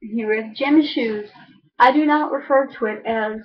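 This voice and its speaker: A woman's voice: on the high side, moderate pace. A young woman from the Chicago suburbs with a Chicago accent, chatting casually in an informal, rambling, opinionated way. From Chicago suburbs, United States. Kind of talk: casual chat to camera. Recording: dull lo-fi microphone.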